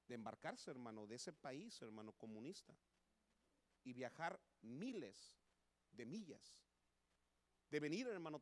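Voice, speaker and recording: A man's voice: fairly high pitch, no echo. A man with a Mexican Spanish accent preaching a sermon in church, impassioned and repeating "hermano" again and again. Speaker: pastor. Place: church sanctuary.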